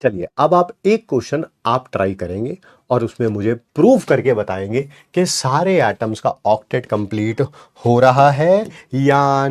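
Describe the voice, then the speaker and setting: Man, chemistry teacher, online lecture, very lively pitch, encouraging, counts aloud, mixes in English. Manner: encouraging, answers his own questions in students' voice; counts aloud while pointing at the board.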